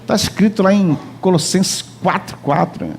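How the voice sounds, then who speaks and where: A man's voice: high-pitched, moderate pace, vocal fry. A man preaching a sermon as pastor in a church, joking and chatting with the congregation. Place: church hall.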